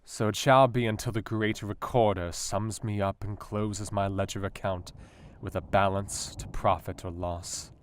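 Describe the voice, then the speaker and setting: An actor playing a brooding, intellectual Victorian asylum doctor, speaking a measured, formal diary monologue in a radio play. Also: male voice, lowish voice, fairly even intonation, natural voice. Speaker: actor in an audio drama. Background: guitar music.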